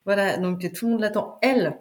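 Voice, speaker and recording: A woman's voice: medium pitch, fairly quick. A woman in casual chat, playfully going through song lyrics with asides.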